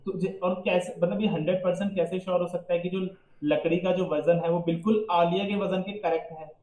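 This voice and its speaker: A man's voice: sits high, fairly even intonation, fairly quick, darkish tone, roomy sound, low-quality recording. A man co-hosting a casual movie review chat, roasting the plot with emphatic rhetorical questions. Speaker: podcast co-host.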